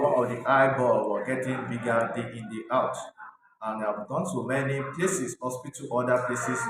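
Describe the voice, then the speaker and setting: A Nigerian man earnestly telling his life story as an interview guest, speaking plainly. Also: medium pitch. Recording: echoey room, distant mic, crowd noise.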